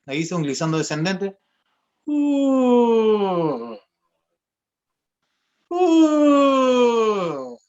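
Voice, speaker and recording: High-voiced man teaching over video call. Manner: patient, explains step by step with demonstrations. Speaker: voice therapist and singer giving a workshop. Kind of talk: explanatory online lesson. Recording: dull lo-fi video call audio.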